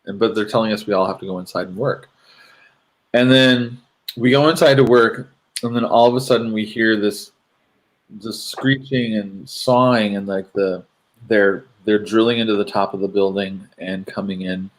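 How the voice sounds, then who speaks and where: Male co-host, lowish pitch, rambling casual dream recap. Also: fairly even intonation, moderate pace. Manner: rambling, hesitant with many fillers. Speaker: podcast co-host.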